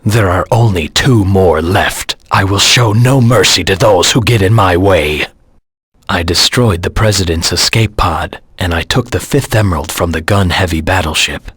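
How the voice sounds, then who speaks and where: A man voicing a brooding, vengeful hedgehog antihero in a video game, terse and stern, with a gravelly, husky low voice. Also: moderate pace, fairly bright tone, no echo, clean studio sound. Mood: menacing, determined. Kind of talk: dramatic video game voice acting.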